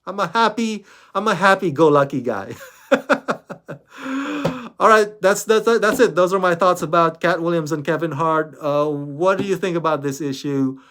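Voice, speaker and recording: A man with a slightly higher voice chats through a casual commentary vlog. He rambles, restarts his sentences and leans on "you know." He laughs easily and teases with a playful sarcasm. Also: normal speed, a bit bright. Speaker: channel host.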